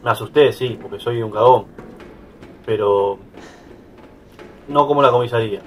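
A gaming YouTuber with a Rioplatense Spanish accent gives casual let's-play commentary in a medium-pitched voice at normal speed. He's chatty and easily startled, yelping and laughing at the scares.

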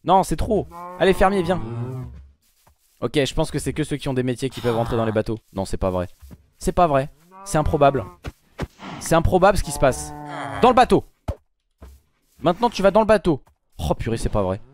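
A man recording let's play commentary, talking to his viewers and to game characters, swinging from low muttering to sudden loud outbursts. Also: animated, brisk, long pauses. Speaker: gaming YouTuber.

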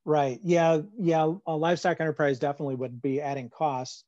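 A man's voice: fairly high pitch, level tone, brisk, dark tone, dry recording. Midwestern man answering webinar questions. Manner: conversational, many fillers and restarts. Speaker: farm finance presenter. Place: home room on a video call. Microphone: computer microphone on a video call. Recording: dull lo-fi video call audio.

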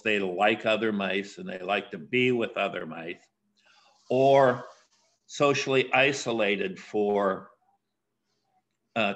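An older man giving a keynote academic lecture, speaking in a measured way with frequent pauses and filler sounds. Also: medium pitch, a bit bright. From USA.

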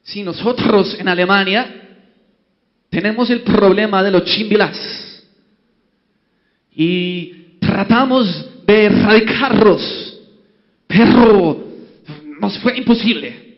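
An earnest German bishop, as a preacher puts him on, speaking in a high voice that rises in level. The recording is dull and lo-fi, with a long hall reverb. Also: male voice, slow pace, long pauses. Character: stern German male bishop.

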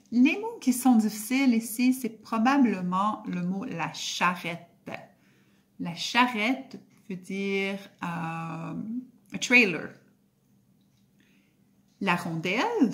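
A woman teacher, giving a phonics lesson to children and sounding out each word slowly and clearly. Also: mid-range voice. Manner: slow, drawn-out word-by-word pronunciation.

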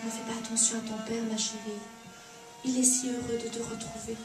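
A woman's voice: mid-range voice, moderate pace, over loud music, lightly acted. A woman reading aloud voices an anxious, fussy mother who soothes her daughter and scolds her husband, in a roomy café recording from far off with a bowed viola behind. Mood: soothing. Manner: soothing and hushing, sharp when scolding.

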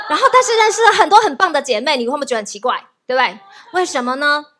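A woman's voice: high voice, quick pace. A woman pastor telling a testimony in a sermon, laughing often as she tells it. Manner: lively storytelling, laughs often.

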